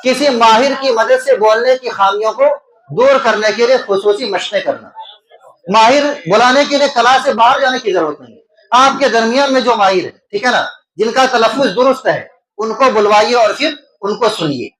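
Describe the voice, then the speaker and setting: A man with a strikingly high voice leads an exam-prep lesson in a classroom full of students. He talks loudly over the room and keeps asking the class whether they follow. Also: low-quality recording. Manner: checks in with the class, often asking "right?". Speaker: teacher.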